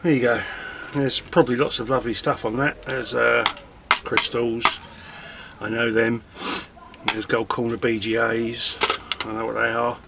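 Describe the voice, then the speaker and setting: A man talks away in a relaxed, rambling way, joking at his own expense while he takes apart scrap computers. His voice sits at an ordinary middle pitch. Loud clattering and clicks from his work fill the recording behind him. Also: unhurried, gravelly, heavy background noise. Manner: chatty, self-mocking, muttering while working. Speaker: scrapping vlogger. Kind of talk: casual chat while working.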